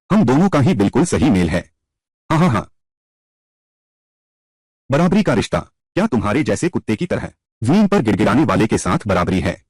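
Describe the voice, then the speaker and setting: A man's voice: on the low side, a little mellow, slightly rough, no echo. A man reading all the parts of a dubbed drama in one voice, switching between scornful taunts and pleading.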